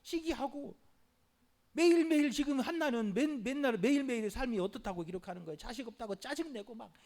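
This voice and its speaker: A middle-aged male pastor preaching a sermon in an animated way, with frequent hallelujahs and rhetorical questions to the congregation. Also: very high voice, a little fast.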